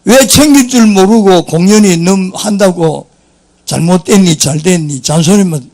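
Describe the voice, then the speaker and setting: A man's voice: sits high, normal speed, a little mellow. An older man, a pastor with a Gyeongsang Korean accent, preaching a sermon in a folksy, jokey storytelling way.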